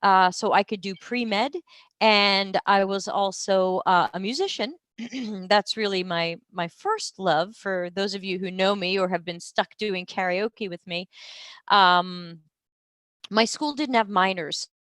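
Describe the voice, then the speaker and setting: A woman in her forties talks through her life story in a casual live-stream monologue at a middle pitch. She is chatty and self-deprecating, filling pauses with ums and uhs. The sound is dry and close, with no room around it. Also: a bit bright, dry recording. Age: 40s. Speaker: UX professional telling her story.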